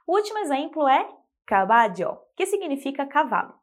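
A woman teaching a scripted pronunciation lesson, speaking clearly and slowing down to model example words. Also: sits high, sing-song. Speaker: Spanish teacher.

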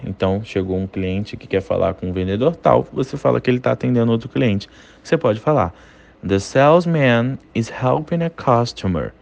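A man with a Brazilian Portuguese accent teaches English phrases, saying each one slowly and repeating it before explaining it. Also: medium pitch, vocal fry, a little mellow. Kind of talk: online language lesson.

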